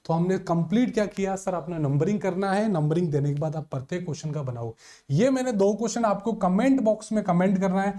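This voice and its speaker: Bright-voiced teacher counting triangles aloud. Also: male voice, high voice, fast. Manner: addresses students as sir and dear children, counts aloud. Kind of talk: exam-prep reasoning lesson.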